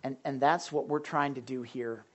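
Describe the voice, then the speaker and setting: A preacher delivering a sermon to a live audience, talking loudly and excitedly, then dropping into hushed, earnest tones. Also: mid-range voice, normal speed, dull audio. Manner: loud and excitable, swinging between shouting and hushed tones. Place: indoor gathering with a live audience.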